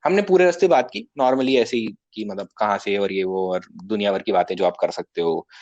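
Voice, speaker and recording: A man telling a travel anecdote in casual chat as a podcast guest. He talks a little loud and acts out the people in his story. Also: fairly low pitch, brisk, dry recording, lo-fi sound.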